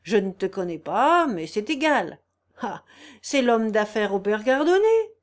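A woman's voice: a little high, very animated, unhurried. A woman reading aloud, voicing a jovial, hearty male carpenter who greets everyone in a boisterous, affectionate way.

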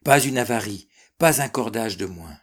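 A man's voice: fairly low pitch, animated, normal speed. A man voicing a proud, hearty old father waiting for his son's ship in a read-aloud story, exclaiming with gusto. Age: older.

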